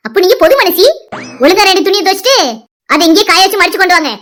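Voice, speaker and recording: A protective young village mother argues in a Tirunelveli accent, as a woman voices her in a cartoon. Her voice sits very high and moves fast. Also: a bit bright, slight background noise. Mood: bossy. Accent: Tirunelveli Tamil. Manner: argumentative, protective. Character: quarrelsome young mother, daughter-in-law.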